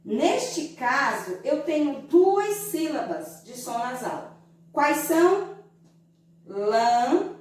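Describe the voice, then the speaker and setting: A Brazilian woman teacher giving a slow, didactic lesson to young children, stretching out syllables to show how they sound. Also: high voice, sing-song, far from the mic. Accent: Brazilian Portuguese. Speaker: primary school teacher. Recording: very echoey room, voice from away from the mic.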